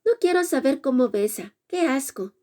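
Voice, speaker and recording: A woman's voice: sits high, lively intonation, warm tone. A woman voicing a haughty teenage girl who draws out her words with disdain in a storybook reading. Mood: scornful. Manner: drawn-out, disdainful.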